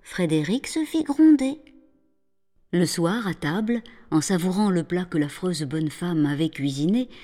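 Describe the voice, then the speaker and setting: A woman narrating a children's storybook in an animated, expressive way, dropping at times into a hushed whisper. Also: on the low side, unhurried.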